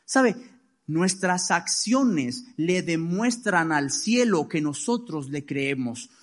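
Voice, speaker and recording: A man's voice: a little high, lively intonation, slow pace. A man preaching a sermon, emphatic and leading the congregation in responses. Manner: emphatic preaching, calls for responses, varies volume widely. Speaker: pastor.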